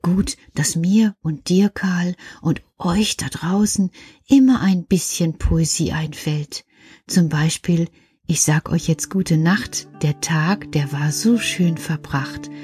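A woman's voice: low-pitched, takes it slowly, a little mellow, husky, no room sound, soft background music, exaggerated voice. A woman voicing Petra, a dreamy female puppet character reciting rhymes in a sing-song way. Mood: hushed.

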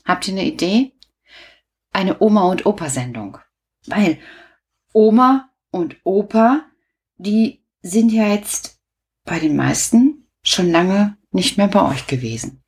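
A woman's voice: medium pitch, sing-song, takes it slowly, a little mellow. A woman hosting a children's show, chatting casually to the kids in a rambling, self-deprecating way.

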